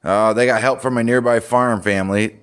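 A man's voice: mid-range voice, steady tone, moderate pace, a bit bright, smooth, soft background music. A man co-hosting a true-crime podcast, reading case notes aloud and then chatting about them casually. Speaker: podcast co-host.

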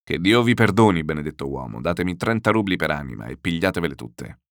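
A man's voice: sits low, lively intonation, fast talker, no echo, clean studio sound. A man voicing a burly, stubborn male landowner who bargains bluntly and insistently.

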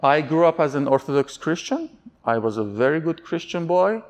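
A man's voice: a little high, sing-song, normal speed. A man from Iran, giving candid interview answers in an earnest, searching way, often restarting his sentences.

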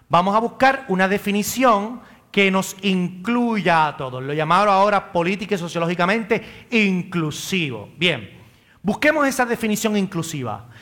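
A man with a Caribbean Spanish accent preaches a sermon as a priest in church, his voice pitched high. He questions and answers himself and calls on members of the congregation by name, with a bright, forceful tone.

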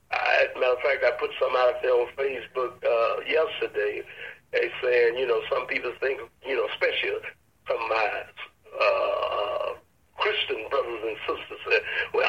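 An older man with an Arkansas accent, a church elder speaking as an interview guest in a folksy, halting way. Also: mid-range voice. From Arkansas, United States. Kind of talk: casual interview talk on faith. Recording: dull lo-fi radio or phone line.

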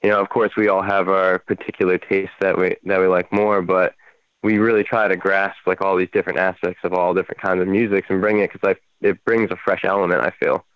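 Band guest, man, smooth low voice, casual and rambling, slightly dull audio. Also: flat delivery, fairly quick, dry recording. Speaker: band member, interview guest. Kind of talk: casual interview chat.

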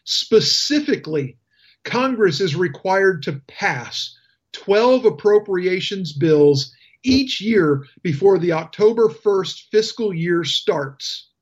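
A man's voice: high voice, animated, slow pace, breathy edge, highs cut off. A male talk radio host delivering an indignant, sarcastic political rant. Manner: indignant, emphatic ranting with sarcasm.

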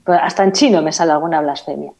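A woman's voice: low-pitched, racing, creaky, a little mellow, poor audio. A woman hosting a podcast, telling stories in a comically exaggerated, dramatic way. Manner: exaggerated, dramatic storytelling with pleading asides. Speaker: podcast host. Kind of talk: comedic casual chat.

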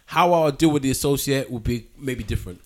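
A man's voice: mid-range voice, fast talker. A man with an urban London roadman accent debating casually in street slang, emphatic and repeating himself for effect. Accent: London, urban street "roadman" style. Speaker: talk show panellist.

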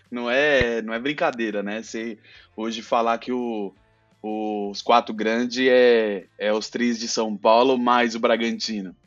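A man with a mid-pitched voice chats casually as a football podcast panelist. He is slangy and repeats himself, on a slightly dull recording with faint music. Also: fairly even intonation, slow.

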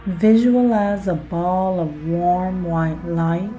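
Slow, mellow woman narrating sleep-style guided relaxation. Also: fairly low pitch, steady tone, highs cut off, soft background music. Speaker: podcast host and relaxation guide.

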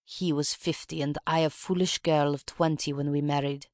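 A reader voicing a proud, guilt-ridden Russian woman revolutionary, who speaks gravely and with dignity in a confession. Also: medium pitch, fairly even intonation, normal speed, dry recording, clean studio sound, close to an everyday voice. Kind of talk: audiobook reading.

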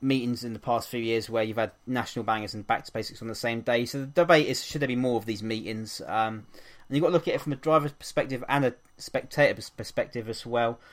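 A man from England hosting a casual podcast, chatty and upbeat, with frequent ums and fillers. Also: mid-range voice. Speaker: podcast host.

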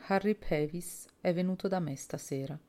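A woman's voice: on the low side, normal speed, a little mellow, natural voice. A woman voicing a cool, businesslike young woman.

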